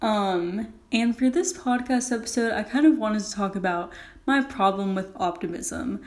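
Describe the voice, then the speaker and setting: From her bathroom, a young adult woman hosts her solo podcast, chatting casually at normal speed. Her mid-pitched delivery is loose and rambling, with "like" dropped in all over.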